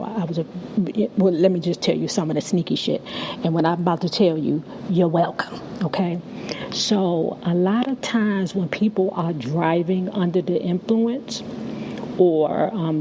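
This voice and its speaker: A woman's voice: lowish voice, background noise. A woman giving casual, blunt, profane gossip commentary in slangy speech, slightly slurred by the retainer in her mouth. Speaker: YouTube commentary host.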